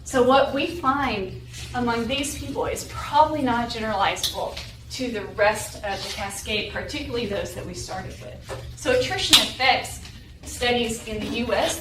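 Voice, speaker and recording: Her voice sits a little high and moves at normal speed as she delivers an explanatory academic seminar talk, regularly asking "right?" of the audience. She's a young woman from New Mexico and Texas, carrying a faint Southwestern accent and a North Carolina drawl, lecturing as a guest from a podium. Recorded by a far-off camera, the room audio echoes and carries background noise.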